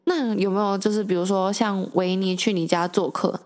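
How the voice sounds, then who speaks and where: A woman's voice: mid-range voice, fairly even intonation, normal speed, a little mellow. A woman, co-hosting a podcast, leading the chat with questions and dry quips. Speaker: podcast co-host asking questions. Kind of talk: casual chat.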